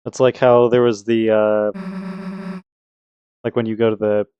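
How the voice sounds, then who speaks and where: A man's voice: on the low side, flat delivery, a little slow, warm tone, clear, resonant tone, dry recording, lo-fi sound. A man casually commenting while playing a video game, talking in a rambling, hesitant way with many restarts.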